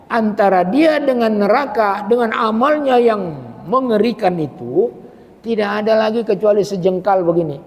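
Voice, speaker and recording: Older man preaching a Quran lecture, high-pitched and lively, heard in a long-echoing hall. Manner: animated, repeats phrases for emphasis. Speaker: Islamic preacher.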